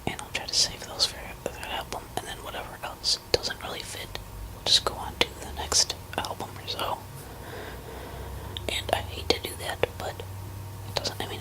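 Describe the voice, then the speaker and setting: A woman speaks in a barely audible whisper, with almost no voice behind the words. She rambles casually in an ASMR style, hesitating and pausing mid-thought as she goes. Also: poor audio. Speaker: musician talking to listeners.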